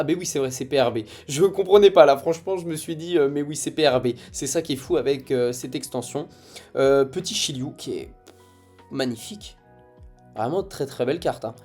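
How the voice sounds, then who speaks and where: Excited young man opening card packs. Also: on the high side. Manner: excited, reacting card by card with frequent "ok, d'accord". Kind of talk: casual pack-opening commentary.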